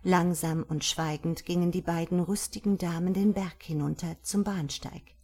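A woman reading a story aloud in measured audiobook narration. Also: on the low side, steady tone, mellow, husky.

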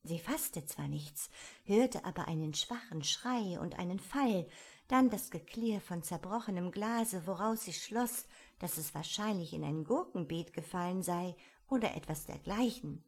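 A woman narrating an audiobook in a calm, even storytelling manner. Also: fairly low pitch, a little slow, slightly rough.

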